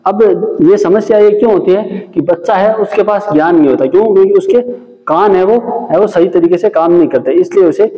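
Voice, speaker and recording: A man with a fairly high voice gives a classroom lecture, repeating himself and pausing to check in with his students. The sound is dull and lo-fi, with a long, roomy echo of a hall behind him. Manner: repeats and explains points, frequent "ठीक है" check-ins. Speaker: teacher.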